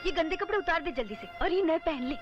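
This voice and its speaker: A woman's voice: extremely high pitch, lively intonation, lo-fi sound, music in the background. A woman playing a fussing, devout old mother. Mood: bustling. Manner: brisk, fussing commands. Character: grief-addled older mother, bossy and devout.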